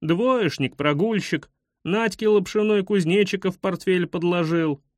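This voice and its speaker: A man's voice: high voice, unhurried, no echo, voice pushed up. An earnest, simple schoolboy who answers everything in plain seriousness, voiced by a man reading the story. The voice is close and dry. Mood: bashful. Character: naive schoolboy, earnest, slow-witted.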